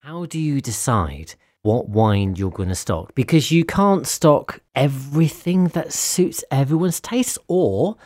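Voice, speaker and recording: A man's voice: medium pitch, expressive, a little slow, few pauses, a little mellow, dry recording, studio quality. A man hosting a casual panel chat, asking jokey questions. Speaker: host.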